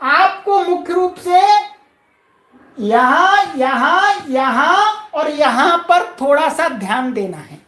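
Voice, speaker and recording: A woman's voice: high-pitched, expressive, takes it slowly, a bit bright. A woman teaching a lesson with call-and-repeat drills, playful and coaxing, drawing out the syllables she drills. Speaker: Sanskrit teacher. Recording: roomy echoey sound.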